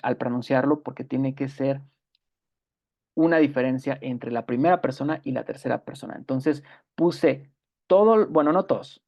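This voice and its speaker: Gravelly man teaching English. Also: a little high, a little mellow. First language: Spanish. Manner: explains patiently, repeats example words slowly; many fillers and self-corrections. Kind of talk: online grammar lesson.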